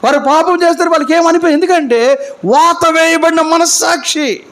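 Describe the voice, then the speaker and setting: At a moderate pace, a male preacher fires rhetorical questions at his congregation during a live church sermon, his voice alternating between loud, forceful lines and hushed, low ones.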